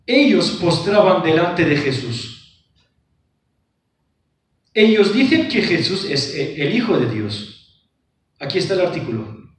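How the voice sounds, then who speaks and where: A man's voice: on the high side, big pitch swings, takes it slowly, long pauses, far from the mic. A man giving a lecture on scripture. He reads verses aloud and explains them with rhetorical questions. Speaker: book presenter. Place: lecture room. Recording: very echoey hall, voice from afar.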